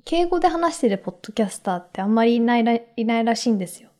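A woman's voice: a little high, lively intonation, rapid-fire, a little mellow. A woman hosting a podcast in casual chat, speaking politely but loosely. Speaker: podcast host.

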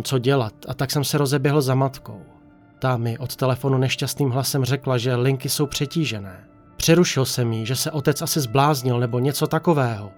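Male narrator, measured horror story reading, mid-pitched, faint music bed. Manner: calm, measured first-person telling.

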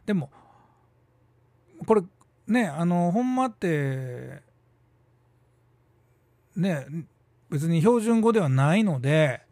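A man's voice: on the high side, animated, darkish tone, no echo. Chatty Kansai man, dry close sound. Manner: chatty and musing, with quick asides and drawn-out hesitations. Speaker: theater troupe leader and podcast host. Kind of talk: casual solo radio talk.

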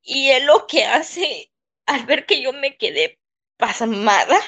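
Woman interviewee, high-pitched and unhurried, speaking in shaken, broken phrases. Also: animated, pushed and bright, slightly rough. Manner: halting, shaken, pausing often. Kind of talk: emotional personal testimony.

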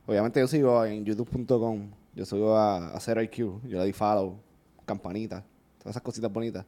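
A man, co-hosting a podcast and telling stories in a casual, animated chat full of swearing. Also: on the low side, fairly quick. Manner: animated storytelling, swears often. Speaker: podcast co-host.

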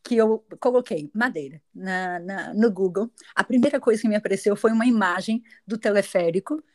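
A middle-aged woman from Brazil speaks with a Brazilian Portuguese accent, her pitch in the middle of the usual range for women. She is a chatty guest in a relaxed interview who tells her story freely. She often laughs and restarts her sentences as she goes. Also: normal speed. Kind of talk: casual interview chat.

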